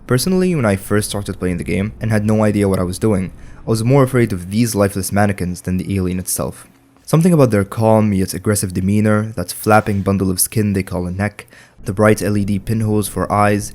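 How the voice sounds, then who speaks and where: Low-voiced man narrating wryly. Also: fast, a little mellow. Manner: wry, conversational commentary. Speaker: video essay narrator. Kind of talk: scripted narration.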